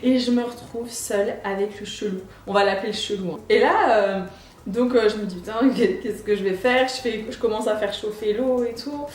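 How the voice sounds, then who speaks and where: A woman's voice: medium pitch, moderate pace. A woman vlogger telling a casual story in her apartment, acting out each side of the dialogue. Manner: animated, acts out both sides of the dialogue. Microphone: camera mic. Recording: roomy, echoey apartment room.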